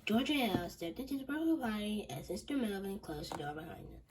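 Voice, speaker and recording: A woman reading a children's book aloud, halting with frequent restarts. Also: medium pitch, big pitch swings, noisy background.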